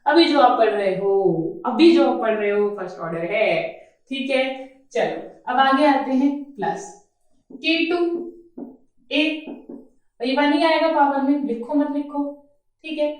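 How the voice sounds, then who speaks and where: A woman's voice: high-pitched, a little slow, long pauses. A woman teaching a chemistry lecture. She talks in a coaxing way, keeps checking that her students follow, and addresses them affectionately. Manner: coaxing, checks understanding, calls students "beta". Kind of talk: classroom lecture. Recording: very echoey room, mic far off.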